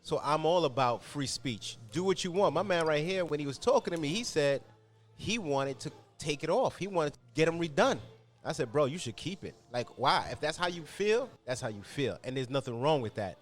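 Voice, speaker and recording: A man's voice: fairly high pitch, animated, normal speed. Hype street-talking male podcast host. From Costa Rica and New York. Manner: loud, hype, street slang. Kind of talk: casual interview chat.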